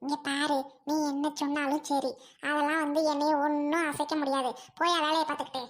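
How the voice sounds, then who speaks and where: A woman's voice: flat delivery, a little fast, natural voice. A woman putting on a spiteful older wife. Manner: low, cold, cursing.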